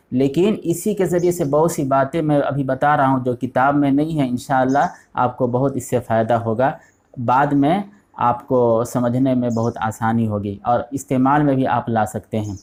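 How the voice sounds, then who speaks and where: A man's voice: mid-range voice, fairly even intonation, darkish tone. A man teaching an online language lesson, patiently repeating each word several times. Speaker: Arabic teacher.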